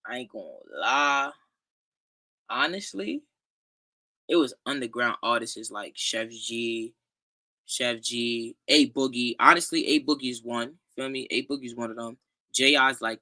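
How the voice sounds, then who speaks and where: Young rapper guy talking easy, really bright voice, dead dry sound, keeps saying you feel me. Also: medium pitch, no echo, rough recording. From Brooklyn, New York. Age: young adult. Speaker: guest rapper. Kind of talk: casual interview chat.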